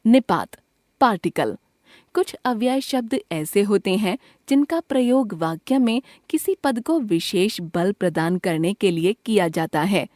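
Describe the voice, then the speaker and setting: A woman reads a school grammar lesson aloud from a script, going slowly and deliberately through lists of words with pauses between them. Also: medium pitch, expressive, a little mellow, no room sound, studio quality. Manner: slow, deliberate list reading with pauses. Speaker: textbook narrator.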